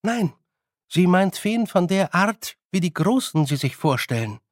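A man voicing a very small, eager fairy man who rushes through his stories. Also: very animated, no room sound, studio quality. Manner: eager, rushing, high-pitched.

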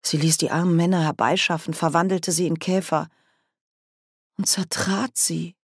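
A woman's voice: lowish voice, fairly even intonation, moderate pace, slightly rough, no room sound, clean studio sound. A woman reading an audiobook, voicing a frightened young woman with a plaintive, worried tone. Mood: hushed. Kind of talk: audiobook character voice.

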